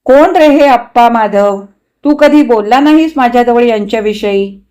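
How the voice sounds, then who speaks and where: A woman voicing a loyal, easygoing male friend in a read-aloud story, who speaks in a calm, reasoning tone. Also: a little high, moderate pace, natural voice. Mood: friendly.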